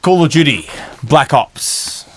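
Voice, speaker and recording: A man's voice: a little high, animated, slow pace, a bit bright, slight background noise. A man co-hosting a casual gaming chat, boisterous and swearing, full of mock-outraged banter. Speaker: podcast co-host.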